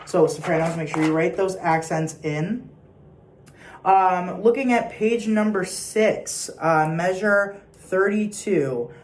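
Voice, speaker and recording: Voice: mid-range voice, slow pace, slight background noise. A young adult choir teacher giving patient rehearsal instructions and singing short example phrases. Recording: echoey room.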